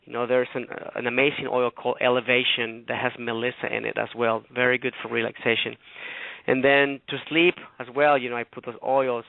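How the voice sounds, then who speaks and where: A man's voice: medium pitch, fairly quick, vocal fry, no room sound. Man from Ecuador on a phone line. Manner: chatty, rambling, animated retelling. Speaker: guest co-host. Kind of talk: casual storytelling on a radio show.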